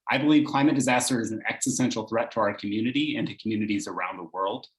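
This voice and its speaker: Man candidate, earnest steady campaign pitch, lowish voice, echoey room on a call. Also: quick pace.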